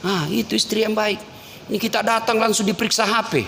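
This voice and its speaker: A man preaching a lively sermon, swinging between low storytelling and loud exclamations. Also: fast talker, vocal fry. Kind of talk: lively sermon with acted quotes. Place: mosque or prayer hall. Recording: echoey hall with faint noise.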